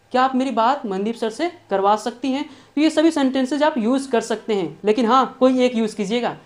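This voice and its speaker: A woman English teacher explaining in Hindi with English mixed in, repeating each example phrase slowly and deliberately. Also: fairly high pitch, a little mellow. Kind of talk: spoken English lesson.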